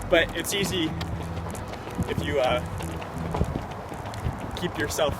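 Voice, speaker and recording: A young American man in his twenties answers interview questions casually while running, in halting phrases. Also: on the high side, very noisy. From Ohio, United States. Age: 20s. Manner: talking while running outdoors. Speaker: professional runner being interviewed. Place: outdoors, on the move. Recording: outdoor, distant mic under loud music.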